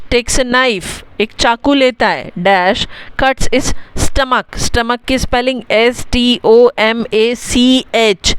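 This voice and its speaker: Slow, clear teacher woman. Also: fairly high pitch, dry recording. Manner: dictates English words slowly and spells them letter by letter; explains in a patient, chatty way, often checking in with the class. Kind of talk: bilingual story-writing lesson.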